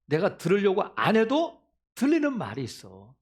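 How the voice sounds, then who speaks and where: A male pastor preaching a sermon in an animated way, acting out quotes from scripture. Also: high voice, moderate pace, slightly rough.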